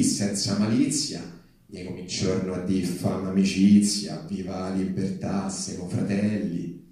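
A man with a medium-pitched, mellow voice speaks and reads aloud to the public at a live event. It mixes a public reading with an impassioned activist speech, recorded from far off in an echoey hall.

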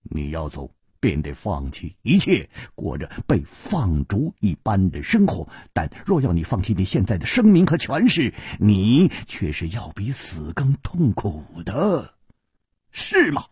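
A man voicing a shrewd wandering swordsman hero who speaks calmly and knowingly, slightly husky. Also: on the low side, no room sound, studio quality, voice pushed down, exaggerated voice. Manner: calm, knowing, unhurried.

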